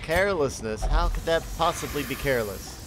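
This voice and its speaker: A gaming channel host with a head cold gives casual let's-play commentary, cheering his characters on in a chatty way. His voice sits on the high side and is animated and brisk. The recording is very noisy, with his voice over game music.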